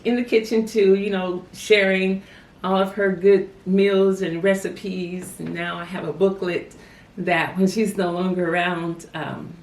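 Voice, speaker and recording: A woman's voice: fairly low pitch, little pitch movement, unhurried, a little mellow, a little hiss or hum. A woman reflecting on family memories in an interview, telling stories with frequent "you know". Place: family home. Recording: roomy sound from a distant mic.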